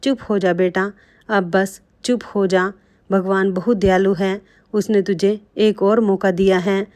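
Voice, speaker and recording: A woman voicing a gentle, loving elderly mother in a spoken storybook, in a soft, consoling way. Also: medium pitch, fairly even intonation, a little slow, no room sound, close to an everyday voice.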